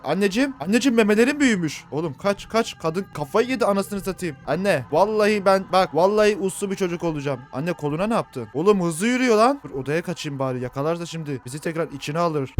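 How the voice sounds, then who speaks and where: Excitable fast-talking man, horror let's play. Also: on the high side, soft background music. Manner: excitable, swears often, jokey, jumps between hushed tension and loud outbursts. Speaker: gaming YouTuber.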